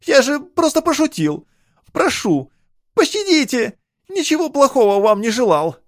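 A man voicing a fat, cackling male bathhouse spirit with a high, teasing, wheedling voice. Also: big pitch swings, measured pace, gravelly, dry recording, studio quality, exaggerated voice. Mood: pleading.

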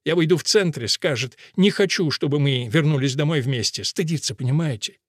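A man reading aloud as a troubled chauffeur pours out his grievances in a low, moaning, complaining voice. The sound is close and dry, with no room around it. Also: brisk, slightly rough, no echo. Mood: plaintive. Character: troubled male chauffeur confiding in a woman, plaintive. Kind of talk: audiobook reading.

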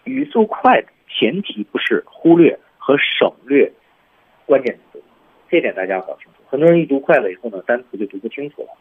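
Male radio English teacher, lively, slightly husky, tinny broadcast sound. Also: a little fast. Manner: lively, demonstrates lines with heavy stress and rising pitch. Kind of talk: radio language lesson.

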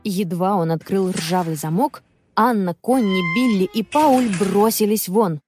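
A woman telling a children's story in measured, expressive audiobook narration. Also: mid-range voice, over music.

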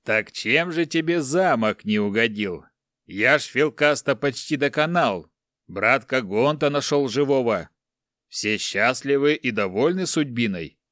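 A man's voice: medium pitch, lively intonation, unhurried, fairly bright tone, no room sound, clean studio sound. Man reading as a timid young monk. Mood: bewildered. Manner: anxious, defensive, prim. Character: timid, bookish young male monk, easily frightened.

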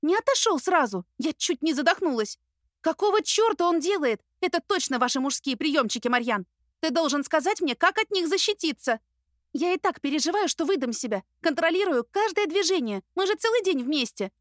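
A woman reading an audiobook, voicing a flustered, sharp-tongued young woman who speaks in agitated, rapid bursts. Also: sits high, expressive, no echo, studio quality, voice pushed up. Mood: anxious. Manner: agitated, breathless, rapid complaints.

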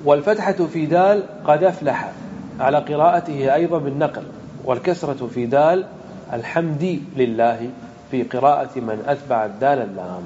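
A man's voice: medium pitch, fast, mellow, dull audio, slight background noise. A man, a sheikh, teaching an Arabic grammar lesson to students and explaining each point step by step. He puts questions to the class and then answers them himself. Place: lecture room with students present.

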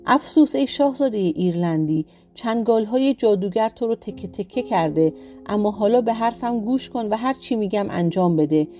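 A woman's voice: medium pitch, expressive, dark tone, soft background music, lightly acted. A woman voicing a small, helpful robin that gives the hero urgent instructions in a storybook reading. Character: little robin bird, helpful advisor.

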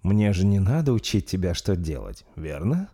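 A man voicing an ancient vampire master, speaking slowly with cold menace. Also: low-pitched, big pitch swings, mellow, breathy edge, exaggerated voice. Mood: cold commanding. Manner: slow, measured, menacing.

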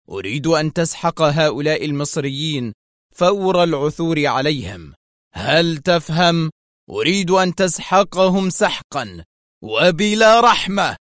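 A man's voice: a little high, dry recording, studio quality, pitched above the performer's own voice, natural voice. A man voicing a tense, fierce male intelligence officer who speaks with agitated, commanding harshness.

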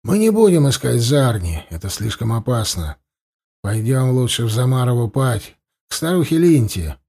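Мужчина озвучивает молодого жреца, серьёзный, взволнованный, мягкий тембр. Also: male voice, mid-range voice, very animated, moderate pace, gravelly, warm tone, breathy edge, exaggerated voice. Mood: earnest. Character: young male priest, worried and earnest.

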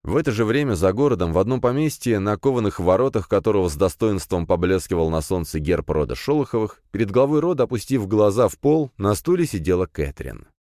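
A man narrating an audiobook in a measured, expressive way. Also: on the low side, no echo, studio quality. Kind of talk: scripted narration.

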